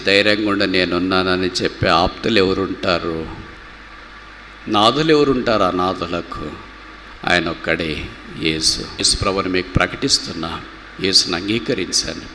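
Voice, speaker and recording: Impassioned preacher, bright tense voice. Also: male voice. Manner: impassioned, rising to loud rhetorical questions then dropping low and slow. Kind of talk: Telugu gospel sermon. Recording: reverberant hall with faint background noise.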